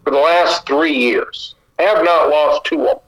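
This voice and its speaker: A man's voice: fairly high pitch, expressive, unhurried, fairly bright tone, low-quality recording. A man co-hosting a sports podcast, giving opinionated takes in long runs of casual chat. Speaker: podcast co-host.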